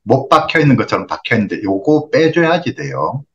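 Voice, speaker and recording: Patient older man counseling, lively pitch. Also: brisk, muffled recording. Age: 60s. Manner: patient, explanatory, acts out example phrases. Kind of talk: phone counseling advice.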